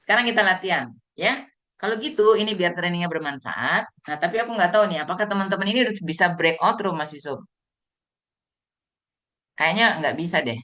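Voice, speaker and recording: A woman's voice: lowish voice, lively intonation, brisk, fairly bright tone. Chatty woman trainer on a video call. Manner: conversational, acts out quoted people in raised voices. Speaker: motivational trainer. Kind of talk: online motivational training talk.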